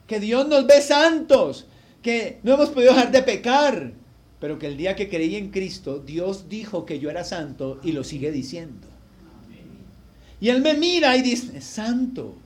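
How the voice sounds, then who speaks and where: A male pastor preaching a sermon, telling a personal story with strong swings between loud emphasis and quiet asides. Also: high-pitched.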